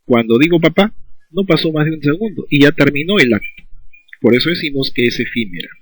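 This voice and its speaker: A man's voice: a little high, lively intonation, fast, a bit bright, breathy edge, poor audio. A man teaching a school language lesson, explaining patiently and often checking in with his students.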